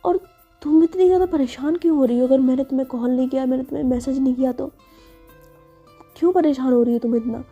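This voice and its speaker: A woman's voice: high voice, fast, muffled recording, soft background music. A woman voicing a flustered young woman who stammers and asks puzzled questions. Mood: pleading. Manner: hesitant, stammering.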